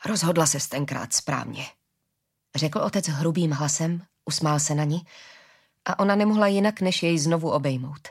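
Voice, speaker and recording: A woman narrating an audiobook story, calm and measured. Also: low voice.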